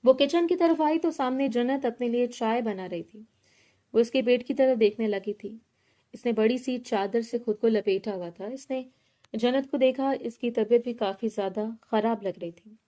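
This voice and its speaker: A woman's voice: fairly high pitch, moderate pace, warm tone. A woman reading a romance novel aloud, voicing all characters' lines in her own voice with light acting. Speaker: novel narrator.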